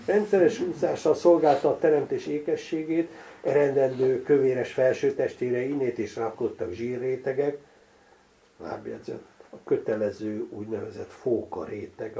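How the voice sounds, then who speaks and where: A man's voice: mid-range voice, gravelly, dark tone. An older man reading his own novel aloud, dry and wry, announcing page numbers and footnotes along the way.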